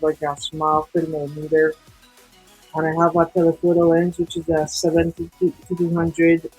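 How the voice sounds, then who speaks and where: A man from Belize joins a livestream by call, and his voice comes through muffled, as if from the other side of a wall. His tone is husky and breathy, and the pitch stays flat. He works through each explanation haltingly, one step at a time, while faint music plays underneath. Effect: muffled, as if through a wall, from a covered mic. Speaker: guest photographer. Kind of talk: casual chat on a livestream call. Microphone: remote call mic.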